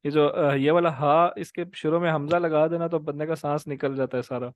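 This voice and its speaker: Smooth-voiced man teaching tajweed. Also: fairly high pitch, fairly even intonation, no room sound. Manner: patient, drills sounds and calls students by name; drawn-out demonstrated letter sounds. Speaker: Quran recitation teacher. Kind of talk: online tajweed class. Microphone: video call.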